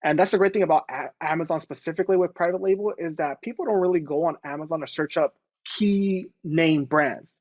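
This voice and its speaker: Young man in his twenties, relaxed casual interview guest, slightly high voice, dry muffled video call sound. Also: fairly quick, no echo. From Los Angeles. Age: 20s. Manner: relaxed, fillers like "going ahead". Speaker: guest entrepreneur.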